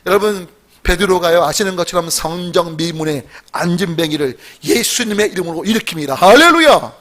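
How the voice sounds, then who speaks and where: A man's voice: fairly high pitch, fairly quick. A man pastor preaching a sermon, telling a story and questioning the congregation. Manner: rises to emphatic exclamations.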